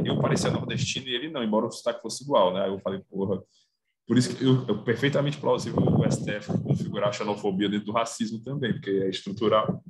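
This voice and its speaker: A man from Northeast Brazil, an academic presenter, chatting on a video call in a relaxed, slangy, animated way. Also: on the low side, a little hiss or hum, rough recording. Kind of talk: casual chat on a video call.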